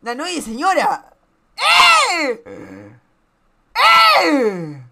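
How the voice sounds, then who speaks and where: A man's voice: very high-pitched, expressive, moderate pace, background noise. A young man with a Rioplatense Spanish accent giving casual reaction commentary on a stream. He swears a lot and laughs often.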